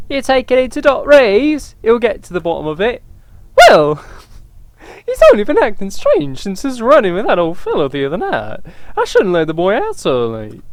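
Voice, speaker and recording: A man voicing a chatty, gossiping small-town mother in a game, in a high, breathless falsetto. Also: no room sound.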